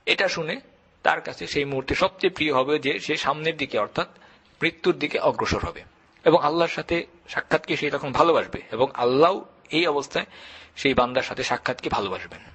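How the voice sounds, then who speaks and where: A man giving an earnest, measured religious lecture, stressing his points through repetition. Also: a little high, fairly bright tone, slightly rough. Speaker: Islamic lecturer.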